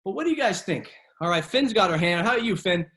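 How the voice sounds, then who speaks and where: A man's voice: high-pitched, lively intonation, fast, fairly bright tone. A man coaching a children's martial arts class in a casual, encouraging way, often checking in with a tagged "right?". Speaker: kids' martial arts instructor. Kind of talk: upbeat class coaching and discussion. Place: online video class run from home.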